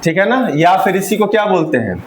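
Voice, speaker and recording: A man's voice: sits high, big pitch swings, fairly quick, a little hiss or hum. A male teacher giving a Hindi grammar lesson, asking the class questions and having them repeat the answers. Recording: roomy classroom echo.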